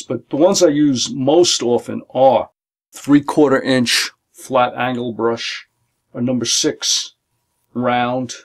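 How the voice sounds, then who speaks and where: A middle-aged man, an art instructor, calmly and methodically walks through his painting supplies, listing them one by one. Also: mid-range voice, gravelly. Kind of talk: instructional demonstration. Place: home art studio, indoors.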